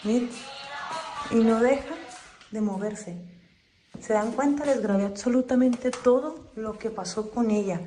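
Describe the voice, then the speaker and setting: A woman's voice: a little high, unhurried, pauses often, mellow, roomy sound, faint music behind, low-quality recording. A nervous woman filming on her phone in her bedroom at night, anxiously repeating herself and asking who is there. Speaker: homeowner filming a haunting. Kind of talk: frightened phone-video commentary. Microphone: phone camera.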